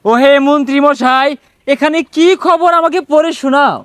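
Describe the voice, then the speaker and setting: A man's voice: very high-pitched, moderate pace, fairly bright tone, no room sound. A man playing a pompous, hot-tempered king in a comic skit, bellowing commands. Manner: blustering, bellowing royal commands.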